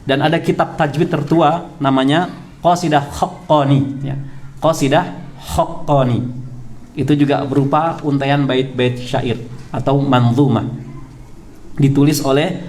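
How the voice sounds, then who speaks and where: An Indonesian man giving a study lecture to a congregation in a prayer hall, repeating key points and drawing out terms slowly. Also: mid-range voice, steady tone, darkish tone, slight background noise. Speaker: religious teacher.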